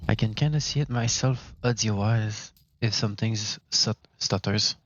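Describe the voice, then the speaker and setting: A man's voice: on the low side, unhurried, fairly bright tone, lo-fi sound. A man with a Quebec French accent chatting casually to his stream while playing, with frequent restarts and self-corrections. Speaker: gaming streamer. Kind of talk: casual live-stream commentary.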